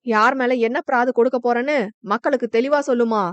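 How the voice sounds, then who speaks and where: A woman's voice: a little high, steady tone, brisk, no room sound, lightly acted. A woman doing a stern older village headman. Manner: stern, commanding. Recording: dull, dry lo-fi recording.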